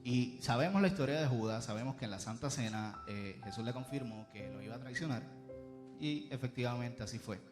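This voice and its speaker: A man preaching a sermon at a church service, swinging between loud emphasis and soft asides. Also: medium pitch, fairly quick, over music. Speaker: youth preacher.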